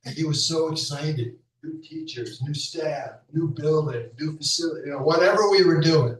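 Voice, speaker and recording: A man's voice: on the high side, normal speed, a little hiss or hum. A man giving an off-the-cuff tribute at a memorial, telling stories in a chatty way with laughs. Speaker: speaker at a memorial. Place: school hall. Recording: echoey hall, mic heard from a distance.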